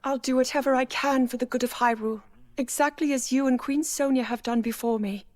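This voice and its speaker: A woman's voice: high voice, fairly even intonation, a little fast, no echo, natural voice. An actress playing a devoted young princess who speaks earnestly about protecting her people. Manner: earnest and determined. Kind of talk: video game cutscene acting. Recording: game cutscene with music behind.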